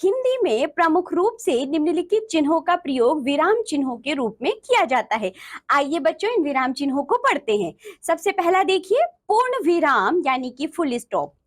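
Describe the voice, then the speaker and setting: Woman schoolteacher, bright high voice with wide swings, patient explaining tone for young pupils. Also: sing-song, normal speed. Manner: addresses pupils as children often, explains with examples. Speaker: Hindi grammar teacher. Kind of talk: classroom lesson for children.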